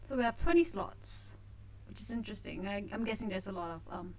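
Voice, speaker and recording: A woman's voice: medium pitch, expressive, a little fast, darkish tone, low-quality recording. A woman hosting a let's play of a visual novel, chatting casually in a hesitant, self-conscious way. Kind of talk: casual let's play chat with read-aloud narration.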